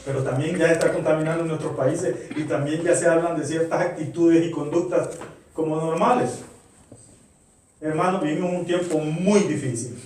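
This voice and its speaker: A man's voice: fairly high pitch, darkish tone, a little hiss or hum. A middle-aged man preaching a sermon to his congregation, earnest and full of rhetorical questions. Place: church. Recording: very echoey church, voice far from mic.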